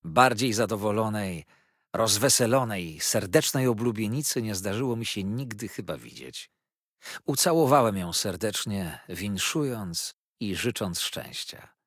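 A man narrating a novel in a measured, storytelling reading. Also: fairly low pitch, lively intonation, fairly bright tone, husky, no echo, studio quality. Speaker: audiobook narrator. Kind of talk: scripted literary narration.

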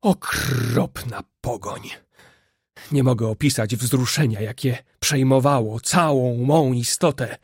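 A man reading a classic adventure novel as an audiobook, with steady, expressive storytelling. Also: mid-range voice, husky, no echo, studio quality. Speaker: narrator.

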